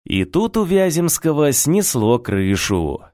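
A man narrating an audiobook story in an expressive storytelling manner. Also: a little high, slow pace, no room sound, studio quality.

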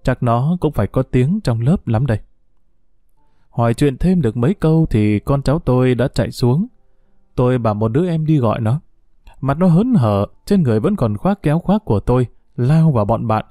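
A man narrating a first-person story in a calm, measured way. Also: medium pitch, no echo, studio quality.

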